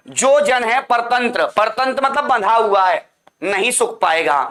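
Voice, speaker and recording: A man's voice: sits high, bright, forceful tone. A man teaching an online class, drilling points with repeated questions and answers and calling his students "beta".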